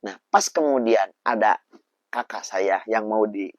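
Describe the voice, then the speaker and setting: A man, a preacher guest telling lively, animated stories about raising children. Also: on the low side, unhurried, no room sound, lo-fi sound. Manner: animated storyteller. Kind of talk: casual religious talk.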